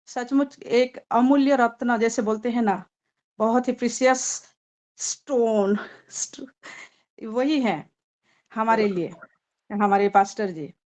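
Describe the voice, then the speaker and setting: A woman giving a heartfelt spoken testimony at a church fellowship. She talks earnestly and gratefully, with frequent filler pauses, and grows excited as she tells her story. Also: on the high side, lo-fi sound. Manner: earnest, thankful, often pausing with fillers; grows excited and loud when retelling a vision.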